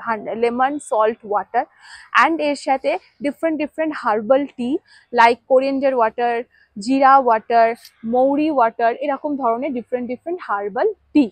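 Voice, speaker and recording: High-voiced woman explaining her plan. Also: no echo, rough recording. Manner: lists rules step by step, mixing English into Bengali. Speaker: fitness vlogger. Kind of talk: scripted-sounding vlog explainer.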